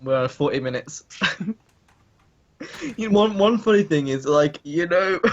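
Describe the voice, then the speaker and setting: A man co-hosting a casual chat podcast, joking and laughing, his pitch jumping into cries. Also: lively intonation, measured pace, lo-fi sound. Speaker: podcast co-host.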